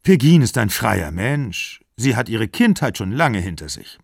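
A man's voice: lowish voice, sing-song, measured pace, gravelly, husky, dry recording, clean studio sound, heavily acted. A man reading an audiobook, voicing a friendly but surprised father in a hearty, slightly lifted tone.

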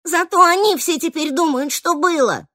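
A woman voicing a worried, indignant young girl who speaks high and protesting. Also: bright, forceful tone, no room sound, clean studio sound. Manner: high-pitched, quick to protest.

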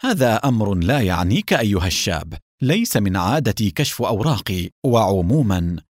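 A cool, secretive masked rider speaks with calm dismissal, as a male storyteller reads him. The voice is low and the recording close and dry, audiobook style. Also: fairly quick, no room sound.

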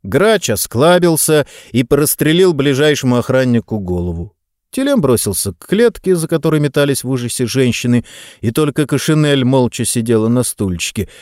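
A man narrates an audiobook from a script, telling the story expressively in a mid-range voice at a moderate pace. The studio recording is clean with no echo.

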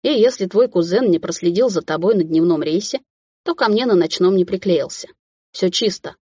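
A woman voicing a carefree, mocking young man who teases in a drawn-out, singsong way. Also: on the low side, lively intonation, a little mellow, husky, dry recording, lo-fi sound. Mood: teasing.

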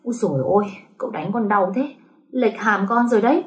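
A woman voicing an excitable young male servant in a spoken story, whiny and loud. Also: mid-range voice, fairly quick, pitched above the performer's own voice, natural voice. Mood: excited.

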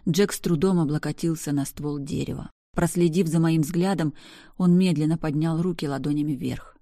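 A woman's voice: low-pitched, steady tone, moderate pace, dark tone, no echo, studio quality. A woman narrating a first-person story in an intense, dramatic reading.

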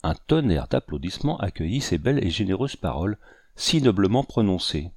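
A man narrates a historical novel in a measured, even reading. His voice sits low, and the recording is dry and close, with no room sound around it. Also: dry recording.

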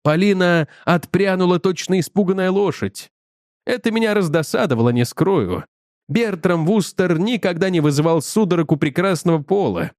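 A man narrating a comic first-person audiobook in an ironic, animated manner. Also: high voice, normal speed, no room sound, clean studio sound.

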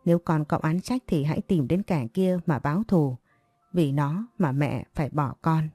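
A woman's voice: low-pitched, normal speed, mellow, breathy edge, no room sound, soft background music. A woman voicing a frightened young village girl who pleads through tears. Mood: murmuring. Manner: tearful, pleading.

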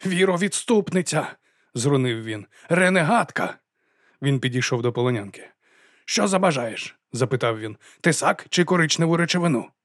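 A cold, ruthless male leader barks orders in a high, strained voice, put on by a male audiobook reader. The recording is dry and close. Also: lively intonation, normal speed, no echo. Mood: scornful. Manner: shrill barking commands.

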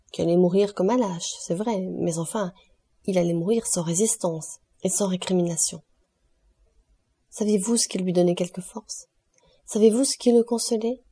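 A cold, sardonic aristocrat who declaims with cool irony, as a woman reader voices him. The tone is dark and mellow, with a husky edge. A storybook reading of a worldly nobleman. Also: medium pitch.

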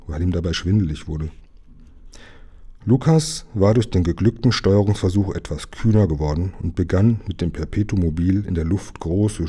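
A man calmly reading a children's book aloud in an even storytelling voice. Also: sits low, breathy edge.

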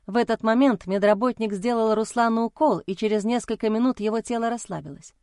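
A woman reading a first-person novel aloud in a steady, measured way. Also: a little high, no room sound, studio quality. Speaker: audiobook narrator.

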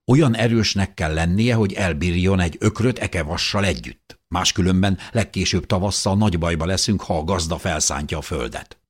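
A man voicing an excited teenage boy hiding in a cave, speaking high and breathless. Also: hardly any pauses, breathy edge. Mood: earnest.

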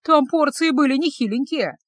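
A woman's voice: high-pitched, animated, normal speed, no room sound, voice pushed up. A woman voicing a flustered young herbalist whose anxious thoughts race. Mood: uneasy. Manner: breathless, racing inner thoughts.

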